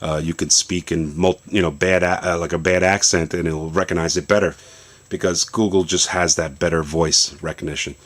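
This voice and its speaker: A man's voice: low voice, moderate pace. A man casually demonstrating a phone setup in his basement, explaining loosely as he goes. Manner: relaxed, explanatory, loosely rambling. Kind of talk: casual product demo. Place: home basement.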